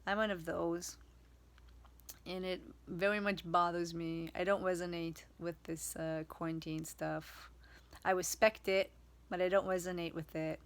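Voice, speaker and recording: A woman whose first language is Hebrew, talking in a casual spiritual vlog and often pausing to search for words. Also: lowish voice, little pitch movement. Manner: slow, searching for words, many fillers and restarts. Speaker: vlogger.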